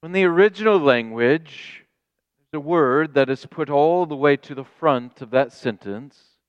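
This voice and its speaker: A middle-aged man preaching a sermon, reading scripture and stressing points with long, deliberate pauses. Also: on the high side, clean tone, dry recording, highs cut off. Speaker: pastor.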